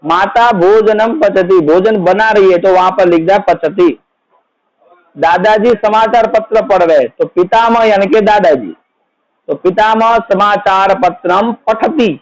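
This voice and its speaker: A man's voice: high-pitched, a little slow, rough recording. A man teaching a children's worksheet lesson, explaining each answer and then asking it back as a question.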